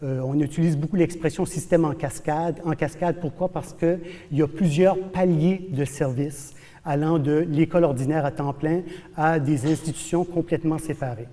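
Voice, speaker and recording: A man from New Brunswick, Canada, giving an animated, emphatic university lecture as a professor in a lecture hall. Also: a little high, moderate pace. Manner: animated, emphatic explaining, repeats for stress. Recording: long hall reverb.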